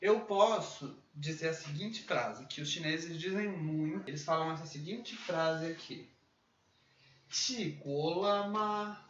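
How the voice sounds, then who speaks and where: A man giving a casual video lesson on Mandarin, explaining patiently, checking in often with his viewers, and drawing out sample syllables slowly when he demonstrates tones. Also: on the high side. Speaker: Mandarin teacher. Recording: roomy, dull lo-fi sound from a distance with faint background noise.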